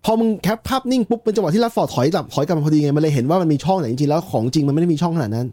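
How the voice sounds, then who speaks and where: A man in casual football podcast chat, talking quickly with a mellow, warm tone and a slightly high pitch. He laughs often and swears freely among friends. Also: expressive. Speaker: podcast co-host.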